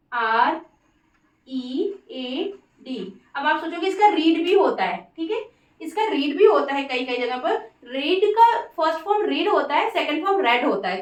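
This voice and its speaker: High-voiced woman teaching phonics, echoey. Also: distant mic. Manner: spells words letter by letter, repeats "ठीक है". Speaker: English teacher. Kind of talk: Hindi-language English phonics lesson.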